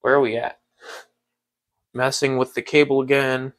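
A man hosting a casual livestream who rambles in a relaxed way, laughs often and talks to his chat. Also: mid-range voice, moderate pace. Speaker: livestream host.

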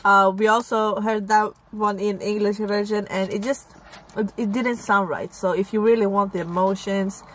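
Woman, mid-pitched voice, relaxed casual chat, food vlog host, faint background noise. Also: moderate pace, few pauses. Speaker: mukbang channel host. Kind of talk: casual chat while eating.

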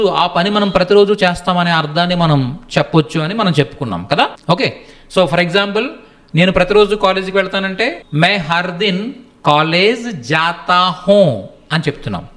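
A man with a fairly high voice teaches a language lesson in an easygoing way. He keeps checking that the learner follows along and slows right down to sound out each example sentence. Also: a bit bright. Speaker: Hindi tutor.

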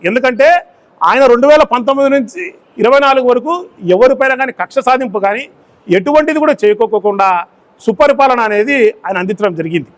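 A man, a local party in-charge, giving a political press statement full of repeated rhetorical questions. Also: extremely high pitch.

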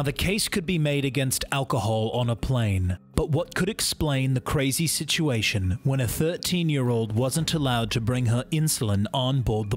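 Guy reading an explainer script, brisk and even, bit of quiet music behind. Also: medium pitch. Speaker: narrator. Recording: faint music bed behind voice.

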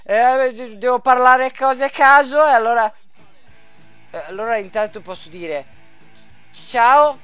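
A man giving casual gameplay commentary, rambling and joking, making rhymes and breaking into sudden excited yells. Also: very high voice, a little slow, pauses often, clean tone, faint music behind. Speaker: gaming video host.

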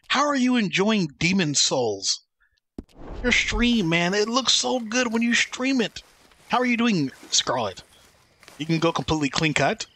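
A man's voice: on the high side, sharp tone, a little hiss or hum. A Texan man chatting loosely and joking while streaming a game, reading viewers' chat aloud. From Texas.

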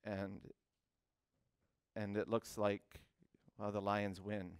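A male pastor preaching a sermon, animated, often restarting words and phrases before driving a point home. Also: lowish voice, slow pace, clear, resonant tone, no room sound. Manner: animated preaching with frequent repeated starts.

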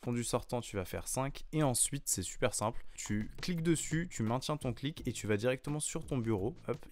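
A young man hosting a casual beatmaking tutorial from a home studio, relaxed, slangy and matter-of-fact. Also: mid-range voice. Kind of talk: casual screen-recorded music tutorial.

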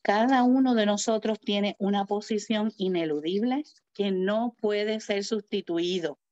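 A woman's voice: medium pitch, a little slow, no echo, dull audio. A woman preaching a sermon and acting out the voices of the people in her stories. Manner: animated storytelling, acting out quoted voices.

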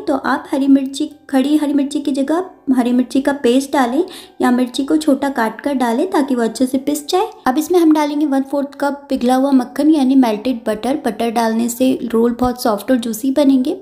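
A woman, host of a cooking channel, narrating a recipe step by step in a calm, instructive voice-over, repeating and clarifying each step. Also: sits high.

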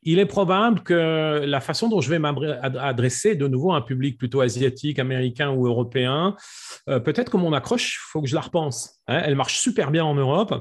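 A man's voice: fairly high pitch, brisk. A middle-aged French-speaking man, a public speaking coach, answering questions in an online session with frequent fillers and restarts. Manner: hesitant, many fillers and restarts. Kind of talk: webinar Q&A answer.

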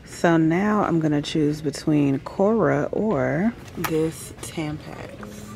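Speaking slowly in a low, creaky voice, a thirty-something vlogger from Georgia keeps up casual, slang-filled chatter with her audience while out running errands by car and in stores. Background noise is present.

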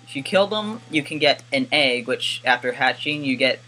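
A man's voice: mid-range voice, animated, moderate pace, sharp tone. Wry rambling gamer guy. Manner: rambling, self-correcting, wry asides. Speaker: gaming YouTuber. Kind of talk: casual gameplay commentary.

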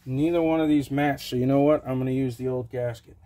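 Mellow-voiced man explaining a repair. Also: medium pitch, fairly even intonation, fairly quick. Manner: plain, practical step-by-step explaining with frequent "okay"s. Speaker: small-engine repair host. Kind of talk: casual how-to narration while working. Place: home workshop bench, open to the outdoors.

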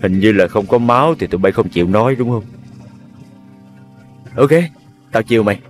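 A man's voice: on the low side, normal speed, faint music behind, natural voice. An actor playing a ruthless male gang boss who interrogates his captives in a menacing, taunting way.

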